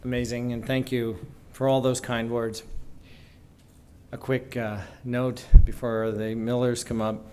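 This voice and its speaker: A man's voice: mid-range voice, level tone, measured pace, warm tone, slight background noise. A man speaking at a school graduation, introducing the next speaker and telling an informal story with quoted dialogue. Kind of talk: ceremony speech with anecdote. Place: event hall.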